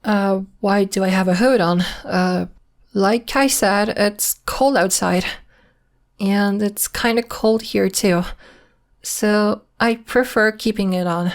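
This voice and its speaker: A woman at medium pitch plays a young werewolf in ASMR roleplay, one who is polite, protective and secretive. She speaks in a hesitant, measured, matter-of-fact way and sounds guarded and evasive.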